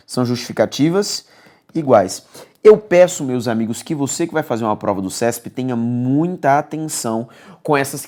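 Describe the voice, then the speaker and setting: Man, Brazilian accent, grammar teacher, exam-prep lesson, lively, coaxing, repeats himself. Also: mid-range voice. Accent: Brazilian Portuguese. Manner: lively, coaxing, repeats key words, checks in with "beleza?".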